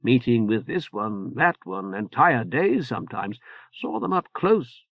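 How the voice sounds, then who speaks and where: Very animated and heavily acted, a man's medium-pitched voice with vocal fry portrays an anxious older churchman for an audiobook. Stammering and hedging, the character fumbles along with many "uh"s and "eh?" tags, captured in a dry, dull, muffled recording.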